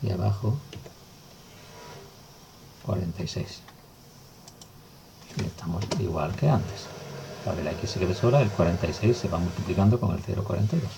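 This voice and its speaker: Low gravelly male teacher. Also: moderate pace, pauses often, noisy background. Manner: calm, step-by-step explaining while writing. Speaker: math teacher. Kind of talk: recorded math lesson.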